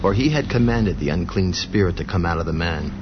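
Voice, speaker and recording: A man narrating scripture in a steady, even storytelling way. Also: deep voice, fairly quick, noisy background. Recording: dull lo-fi audio with music behind.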